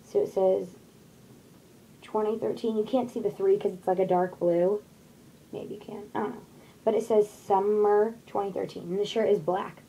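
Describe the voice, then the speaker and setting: A woman's voice: medium pitch, fairly even intonation, normal speed, dark tone, slight background noise, low-quality recording. Chatty young woman in a bedroom haul video. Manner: chatty, rambling, lots of fillers. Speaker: vlogger showing a shopping haul. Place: small bedroom with posters, indoors. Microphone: webcam on desk at close range.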